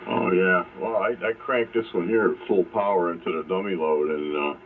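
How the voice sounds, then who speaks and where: A deep-voiced amateur radio operator chats casually about technical matters over an AM shortwave transmission, speaking at a moderate pace with fairly even intonation. The sound is phone-like AM radio with faint noise.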